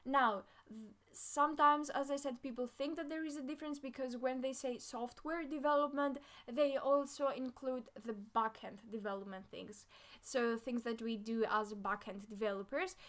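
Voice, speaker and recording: A woman's voice: high-pitched, fairly even intonation, normal speed, fairly bright tone. A young woman from Greece hosting a casual live-stream Q&A on coding, chatting with lots of fillers and reading viewer comments aloud. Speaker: live Q&A host, front-end developer.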